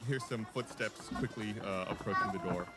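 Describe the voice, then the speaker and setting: A man's voice: fairly low pitch, brisk. A man narrating a tabletop role-play game as game master, in a casual improvised way. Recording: music behind the voice.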